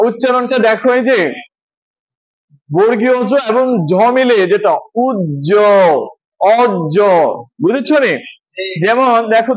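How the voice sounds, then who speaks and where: A man's voice: very high voice, highs cut off. A man teaching a children's lesson, breaking words into parts and repeating each syllable for his pupils to echo. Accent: Bangladeshi Bengali.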